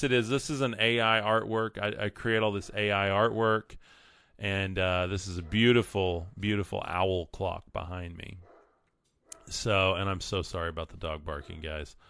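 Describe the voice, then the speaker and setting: A man speaks in a deep, smooth voice with a West Texas twang. He hosts a casual livestream, earnest and emphatic, repeating words to drive them home. The sound is close and dry. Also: steady tone, moderate pace, bright, forceful tone, no room sound. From West Texas, United States. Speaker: livestream host. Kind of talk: casual livestream monologue with read-out comments and quotes.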